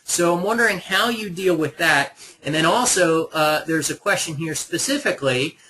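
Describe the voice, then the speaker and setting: A man's voice: on the high side, animated, normal speed, bright, forceful tone, low-quality recording. A man moderating a webinar, reading out audience questions with many hesitant fillers.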